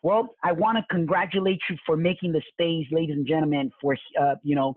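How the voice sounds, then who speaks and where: This real estate webinar host, a man with a Mexican Spanish accent, has a fairly high, breathy voice and a motivational tone. He trips over his words often, repeating restarts and stumbling fillers. The line sounds tinny and very dry, like a phone call, without any room sound.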